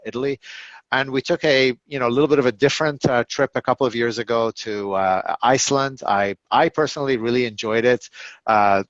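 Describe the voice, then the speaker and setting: A man in his fifties, an executive answering interview questions in a halting, casual way, full of fillers and restarts. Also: fairly low pitch, fairly bright tone, no room sound. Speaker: tech company executive guest. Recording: dull, lo-fi and dry.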